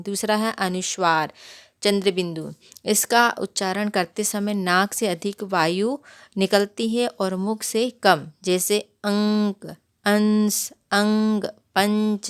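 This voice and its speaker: Slow, smooth-voiced woman teaching grammar. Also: medium pitch, a bit bright. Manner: slow, explaining step by step with repeated check questions. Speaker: primary school teacher. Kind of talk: Hindi grammar lesson for children.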